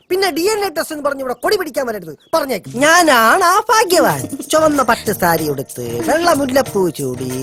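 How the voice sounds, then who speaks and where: A cowardly yet boastful comic sidekick in a film. The voice is high, whiny and dramatic, swooping widely, with music behind it. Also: male voice. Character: scrawny, cowardly, boastful male sidekick with sly bluster. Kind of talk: Malayalam film comedy acting. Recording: film soundtrack with background music.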